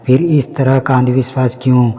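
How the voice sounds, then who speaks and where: Man voicing a calm young daughter-in-law, reasoning, mellow dark tone, storybook reading. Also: mid-range voice, normal speed, big-room sound, natural voice. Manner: polite, reasoning, level delivery.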